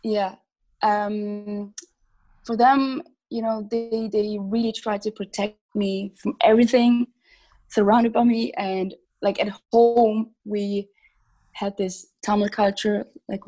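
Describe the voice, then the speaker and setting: A young woman from Switzerland, a singer, answering interview questions casually with many pauses and little laughs. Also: mid-range voice, flat delivery, mellow, rough recording. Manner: hesitant, many ums, laughs between thoughts. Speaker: singer, podcast guest.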